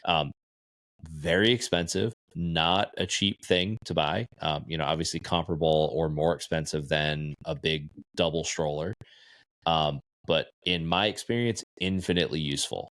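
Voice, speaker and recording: A man co-hosting a casual podcast, giving relaxed, matter-of-fact recommendations into a podcast microphone. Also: very deep voice, moderate pace, dry recording. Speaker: podcast co-host.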